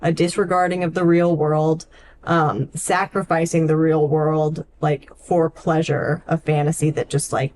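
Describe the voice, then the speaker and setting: A woman co-hosting a podcast chats casually about literature, thoughtful and halting, saying "like" often. Her voice sits low with a darkish, level tone. There's slight background noise.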